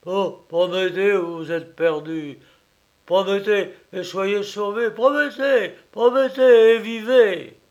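A man's voice: high voice, fairly even intonation, a little slow, darkish tone, pitched above the performer's own voice. A man voicing an anxious, imploring middle-aged aunt in an audiobook reading. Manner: imploring, reproachful, dramatic.

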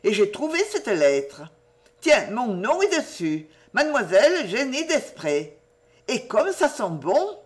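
A woman voicing a giddy, mischievous teenage girl who chatters excitedly in a raised, lively voice. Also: on the high side, slow, pitched above the performer's own voice. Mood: teasing.

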